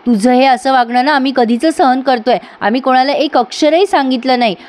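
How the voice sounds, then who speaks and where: A woman's voice: sits high, fairly quick, darkish tone, close to an everyday voice. Woman reading a fed-up middle-aged mother, scolding, raised voice.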